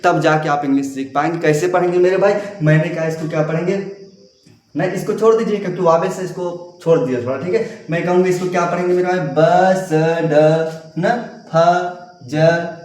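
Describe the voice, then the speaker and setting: Male teacher, classroom lesson, asks and answers himself, fairly high voice, very echoey room, distant mic. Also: fast talker, darkish tone. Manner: repetitive, asks and answers his own questions; addresses viewers as brother. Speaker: English teacher.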